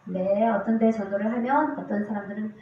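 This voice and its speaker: A woman's voice: mid-range voice, steady tone, a little fast, a little hiss or hum. A woman deaconess giving an earnest church testimony, reading scripture and then telling stories of street evangelism. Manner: earnest, storytelling, acts out quoted voices. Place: church sanctuary. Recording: echoey distant church mic, dull lo-fi.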